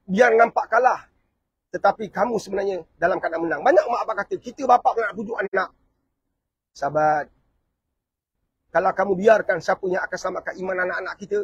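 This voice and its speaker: A man's voice: sits high, brisk, pauses often, breathy edge, no room sound, muffled recording. A man with a Malaysian Malay accent, giving a fiery family-themed preaching talk full of rhetorical questions. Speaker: motivational family speaker.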